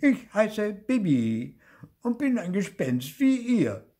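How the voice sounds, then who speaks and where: A frightened little ghost girl whimpers and stammers in a squeaky, high, wavering voice, put on by an older man reading a children's book. Her words drag out slowly through husky tearfulness. Her pitch swoops wildly between sobs. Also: big pitch swings, warm tone, exaggerated voice. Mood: wailing scared. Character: timid wailing ghost girl, always scared.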